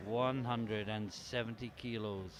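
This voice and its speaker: A man's voice: lowish voice, fairly even intonation, unhurried. A man commentating live on a competition, chatty and explaining the results.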